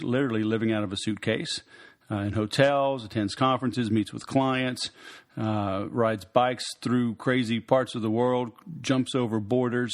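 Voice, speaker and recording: A man hosting a podcast in a casual interview style, halting, with frequent ums and pauses. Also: medium pitch. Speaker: podcast host.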